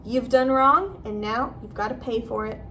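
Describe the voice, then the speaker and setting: A woman voicing a gruff, fierce but kindly male gamekeeper in a storybook. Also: fairly high pitch, normal speed, bright, forceful tone, far from the mic, slight background noise. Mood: stern. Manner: growling, blunt.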